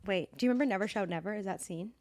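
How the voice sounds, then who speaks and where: A woman's voice: medium pitch, very fast, darkish tone, dry recording. A woman comedian co-hosting a podcast, chatting casually in a playful, self-mocking banter.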